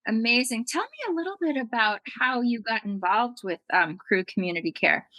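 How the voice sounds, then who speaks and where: Casting: woman interview host, polished scripted delivery, sharp bright tone. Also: fairly high pitch, expressive, normal speed, no room sound, poor audio. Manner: polished, encouraging. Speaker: podcast host. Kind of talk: scripted intro and interview questions.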